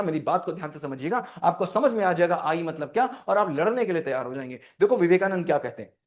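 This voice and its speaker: A man teaching teenagers in a lively spoken lesson, stressing his points by repeating them and asking the class questions. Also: high voice. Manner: emphatic, repeats key phrases, asks the class questions. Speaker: mentor teaching teens.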